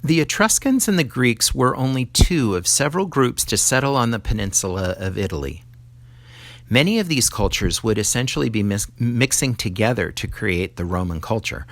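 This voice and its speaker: A man with a medium-pitched, fairly bright voice reads a scripted educational lesson aloud to young students. He explains things like a teacher would, posing questions to the listener as he goes.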